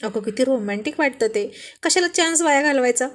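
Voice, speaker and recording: Brief: woman voicing a playful husband, joking and flirty, highish voice. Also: expressive, a little fast. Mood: teasing.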